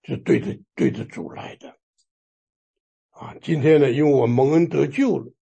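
A man preaching a sermon, emphatic and rising to near-shouts at the climaxes, with a raspy voice. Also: medium pitch, moderate pace.

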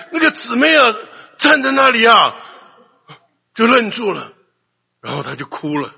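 Male preacher, lively storytelling sermon, bright husky voice, muffled lo-fi recording. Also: very high-pitched, normal speed. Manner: animated storytelling, acts out quotes with sudden loud outbursts.

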